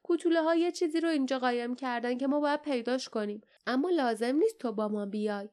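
A woman's voice: sits high, a little mellow, smooth, lightly acted. Woman doing a firm determined young hero. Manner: firm and decisive.

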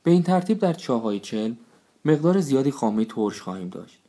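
A man's voice: mid-range voice, very animated, warm tone, voice pushed up. A man voicing a foolish, self-satisfied male village council head in a storybook reading, speaking in a proclaiming way.

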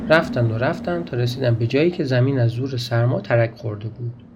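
A man's voice: medium pitch, a little hiss or hum. Man reading a folk tale aloud. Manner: lively storytelling, asking listeners questions. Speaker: storyteller. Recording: dull lo-fi recording.

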